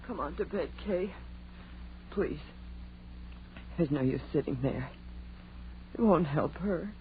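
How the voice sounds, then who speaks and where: A woman's voice: low voice, lively intonation, slow pace. An actress playing a frightened, pleading young woman in an old-time radio horror drama, anxious and imploring. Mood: weary dread. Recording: tinny, noisy vintage radio recording.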